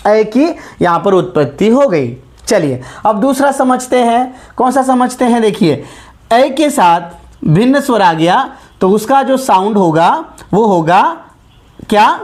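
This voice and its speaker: A man's voice: high-pitched, animated, a little mellow. A man teaching a grammar lesson, patiently repeating sounds and asking his students questions as he goes. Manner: slow and patient, repeats key sounds and asks rhetorical questions. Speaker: Hindi teacher.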